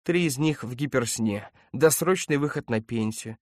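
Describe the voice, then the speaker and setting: A man voicing a bitter, complaining male space marine who whines loudly. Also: medium pitch, normal speed, no room sound, clean studio sound, lightly acted. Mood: whining. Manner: whining, loud, resentful.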